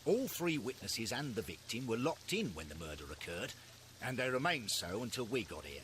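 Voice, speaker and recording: A proper police inspector in a Victorian detective game. His voice is bright and his intonation lively. He reports crisply and formally. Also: mid-range voice, moderate pace, a little hiss or hum. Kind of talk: game voice acting.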